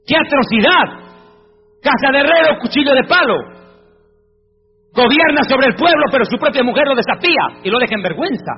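A man's voice: extremely high pitch, expressive, brisk. A man preaching a sermon with emphatic rhetorical questions, reading scripture aloud. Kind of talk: evangelical sermon. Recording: reverberant, dull sound with faint music.

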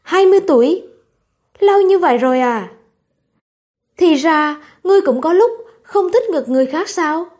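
A woman's voice: extremely high pitch, animated, normal speed, long pauses, a little mellow, voice pushed up. A woman doing a nosy, coaxing young woman. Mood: curious. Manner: coaxing, pestering.

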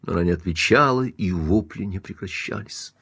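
A male audiobook narrator reading a classic novel with a dramatic, measured delivery. His voice sits on the low side and the recording is dry, close and free of room sound. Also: fairly bright tone, breathy edge, dry recording.

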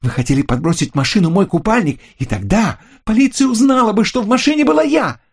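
A man voicing a frantic young woman who screams furious accusations in a shrill voice. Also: expressive, quick pace, husky, heavily acted.

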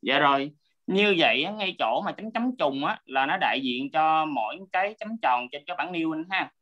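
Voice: medium pitch, animated, normal speed. A teacher talks a student through a Buddhist text over an online call. The explanation is patient, with frequent checks that the listener is following. The audio sounds dull and lo-fi. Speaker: Abhidhamma teacher.

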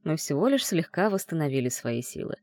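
A woman voicing a soft-spoken teasing male mage. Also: animated, brisk, dry recording, studio quality. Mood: tender, teasing. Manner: soft, low, hushed murmur. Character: gentle teasing self-assured male mage.

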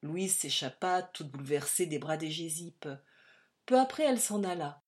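Woman, audiobook narrator, literary short story, measured, expressive, slightly low pitch. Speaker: audiobook reader.

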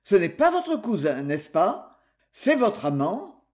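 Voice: medium pitch, big pitch swings, takes it slowly, darkish tone. Reader doing a blunt, probing police inspector. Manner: blunt, interrogating.

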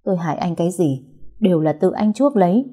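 Woman doing scared young woman in an audio story, begging and crying out, husky. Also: fairly low pitch, lively intonation, fast talker. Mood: angry. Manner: shouts and pleads tearfully. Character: young woman, frightened and desperate.

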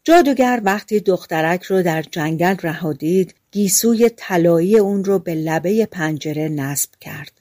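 A woman narrating a fairy-tale audiobook in a calm, even storytelling manner on a close microphone. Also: on the low side, no room sound.

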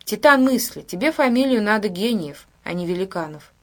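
A woman's voice: medium pitch, lively intonation, brisk, lightly acted. A woman voicing a serious teenage boy with a dry, sarcastic manner.

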